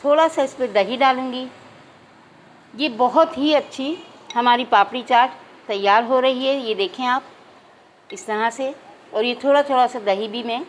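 High-voiced woman calmly demonstrating a recipe. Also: unhurried, pauses often, slight background noise, rough recording. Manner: addresses viewers as "nazreen" again and again, calm instructive. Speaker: cooking channel host. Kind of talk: step-by-step cooking demonstration. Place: home kitchen.

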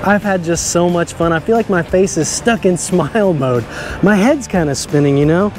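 A middle-aged man with a high-pitched voice hosts a children's show dressed as a cowboy, touring a stadium locker room at a moderate pace. He's enthusiastic and exclamatory, laughing often, in upbeat kids' tour style against a noisy background.

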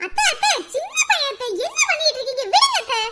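A woman's voice: very high voice, sing-song, normal speed, heavy background noise. An actress playing a bustling mother who scolds her child and fusses over her guests. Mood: fussing.

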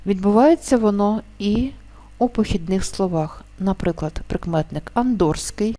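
Mellow-voiced woman teaching spelling rules. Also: medium pitch. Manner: explains rules slowly, stretching example words. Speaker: language teacher. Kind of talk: spelling lesson.

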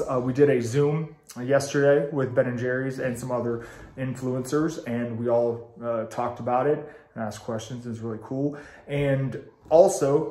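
A congested man in his thirties reviews ice cream on video, chatting enthusiastically to the camera from a small room at home. His voice is mid-range and a little mellow, and the home recording sounds roomy.

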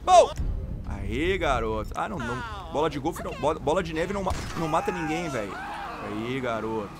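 A young adult man with a Brazilian Portuguese accent, giving casual, jokey game commentary with sudden loud exclamations. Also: a little high, animated, brisk, music in the background. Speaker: gameplay commentator. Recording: loud game car noise behind voice.

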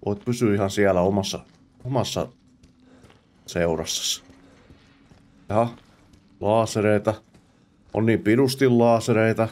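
Low-voiced man narrating his gameplay. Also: fairly even intonation, long pauses, darkish tone. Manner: chatty self-talk, mutters while playing; drops English exclamations and curses. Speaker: gamer host. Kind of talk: let's play commentary.

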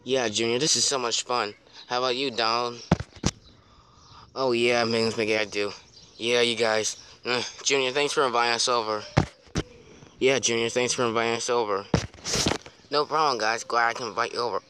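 A young man with a middle-pitched voice improvises slangy, playful conversations between plush toys. He talks casually, as in a homemade backyard video. The handheld outdoor recording has clear noise behind the voice. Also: steady tone, normal speed, pauses often. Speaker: puppeteer voicing plush toys. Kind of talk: improvised plush toy play dialogue. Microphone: handheld phone or camera close by.

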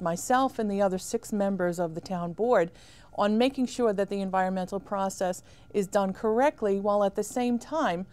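A woman in her fifties, a town supervisor answering questions in a studio interview, speaking in a measured, emphatic way on a lapel mic. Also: mid-range voice, darkish tone, clean tone. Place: small studio set with armchairs.

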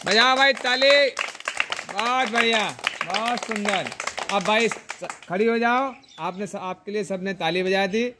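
Woman teacher leading a kids' game: loud, half-shouted calls, playful teasing, slow and deliberate delivery. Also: medium pitch. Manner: calls out words loudly, often half-shouting. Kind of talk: leading a children's group game.

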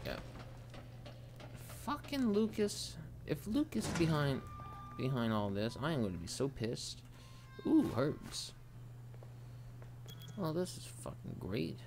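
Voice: mid-range voice, very animated, slow pace, long pauses, over music. A scared, jumpy horror game streamer muttering and swearing in exasperation while commenting on play. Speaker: gaming video creator.

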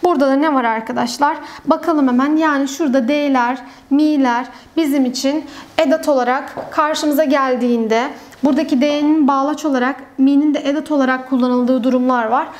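A woman's voice: high-pitched, fairly even intonation, normal speed, darkish tone. A young woman teaching an online grammar lesson, who explains step by step and asks and answers her own questions.

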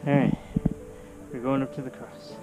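A man of middle pitch chats casually while hiking a mountain trail, relaxed and joking with frequent laughs. He is recorded on an action camera outdoors, with loud music running underneath. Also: moderate pace, low-quality recording. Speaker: travel vlogger. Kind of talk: casual vlog narration.

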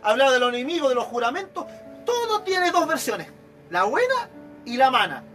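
A man with a Chilean accent delivers an evangelical sermon in a high voice. He keeps mimicking the people he talks about, so his pitch leaps and falls. Soft music plays under him. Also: moderate pace. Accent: Chilean Spanish. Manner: animated, acts out examples of church members. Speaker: preacher.

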